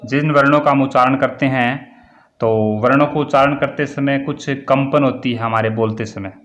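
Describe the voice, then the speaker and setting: A man teaching a Hindi grammar lesson, dictating definitions slowly and repeating key words for students. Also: mid-range voice, fairly even intonation, fairly bright tone, dull audio. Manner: slow, repetitive dictation, word by word.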